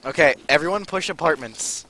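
A man in casual team voice chat while gaming, excitable, shouting callouts and swearing. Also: on the high side, brisk, rough recording. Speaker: gamer streaming team matches.

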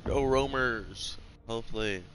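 A man's voice: medium pitch, measured pace, a bit bright. A young man giving laid-back, mumbled gameplay commentary while playing, dropping slang as he goes. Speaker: gamer streaming his match.

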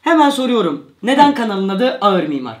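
A man's voice: sits high, very animated, fairly quick. Young man, show host, casual presenting style, talking to camera indoors. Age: young adult. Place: indoor living-room style set on a couch.

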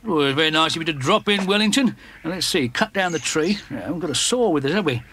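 An actor voicing a practical, bossy older male womble who gives brisk orders in a cartoon. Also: a little high, animated, noisy background, natural voice. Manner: brisk, commanding. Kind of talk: cartoon voice acting.

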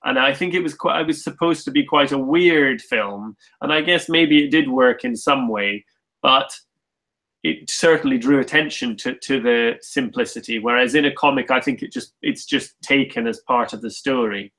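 A man who creates comics, talking about his work in a relaxed, thoughtful, self-deprecating way with frequent restarts. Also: mid-range voice, moderate pace, low-quality recording. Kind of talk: casual conversation.

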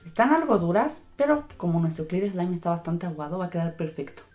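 A woman's voice: on the low side, steady tone, fast talker, dark tone. A woman hosting a casual craft demonstration, narrating in a sing-song, enthusiastic, welcoming way. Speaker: host of a slime channel. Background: music.

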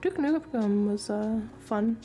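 While drawing on a live art stream, a woman chats casually with her viewers and laughs often between remarks. Her voice is a little high, slow and warm, with faint music in the background.

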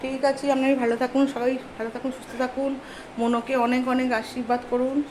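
A woman's voice: sits high, flat delivery, fast talker, background noise. A woman, vlogging at home and fondly coaxing her sulking pet in baby talk. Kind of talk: casual vlog narration. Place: home, indoors.

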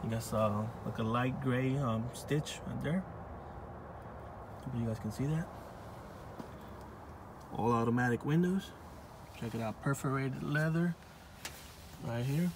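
A man filming on a phone in a car lot, showing viewers a new car in a relaxed, offhand way. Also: medium pitch, unhurried, long pauses, background noise. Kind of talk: casual walkaround video. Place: outdoor car dealership lot and inside a car. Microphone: phone held in hand while filming.

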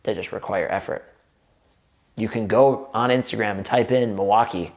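A man's voice: fairly low pitch, normal speed. A man coaches would-be gym owners straight to the camera. He talks with lots of energy, stringing run-on sentences together and restarting himself as he goes. He sits at a table in an indoor office room, picked up by an off-camera mic. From United States. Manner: energetic, run-on sentences with frequent restarts, gestures with both hands. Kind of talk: direct-to-camera business advice.

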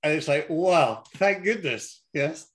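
Speaking slowly in a slightly high, expressive voice, this older man from Scotland chats as a guest over video from his home office. It's a casual interview, and he tells stories warmly, often saying yes and laughing.

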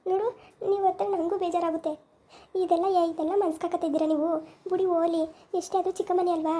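A woman playing a gentle, patient young village woman who soothes her uncle, speaking softly. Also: extremely high pitch, flat delivery, quick pace. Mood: soothing. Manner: soft, soothing, pleading. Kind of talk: village family skit.

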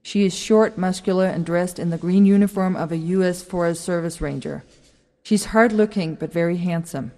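A woman reads scripted stage directions as a narrator, her slightly low, mellow voice wrapped in a long hall reverb. She keeps a moderate pace.

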